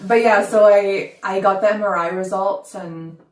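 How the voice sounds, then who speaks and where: A woman's voice: medium pitch, normal speed, background noise. Woman in her thirties, distant roomy sound. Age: 30s. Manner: candid, animated, acts out quoted dialogue. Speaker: podcast co-host. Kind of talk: casual storytelling chat.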